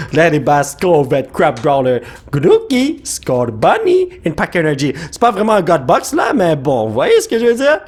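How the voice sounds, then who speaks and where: A young man with a Quebec French accent, his voice slightly hoarse from shouting, excitedly opening card packs, rattling off card names and breaking into laughter. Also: sits high.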